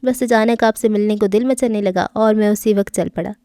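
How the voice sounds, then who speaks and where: A woman's voice: medium pitch, steady tone, mellow, clean tone, dry recording, clean studio sound, lightly acted. A woman reading as a playful young man. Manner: playful, chatty. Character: lively, loud young man, teasing cousin. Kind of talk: audiobook character reading.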